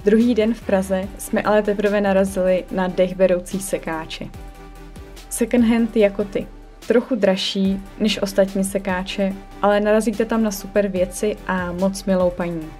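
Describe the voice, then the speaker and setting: An upbeat young woman narrates a vlog in a chatty, enthusiastic way. Her voice is warm and mellow, with faint music playing underneath. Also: medium pitch, steady tone. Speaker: vlogger and online secondhand shop owner. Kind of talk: scripted vlog voice-over. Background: faint background music.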